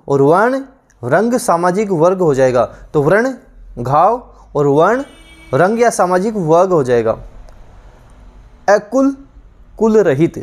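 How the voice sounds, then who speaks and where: Repetitive drilling male teacher, higher voice. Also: darkish tone. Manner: repeats each word several times, drilling. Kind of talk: online exam-prep lesson.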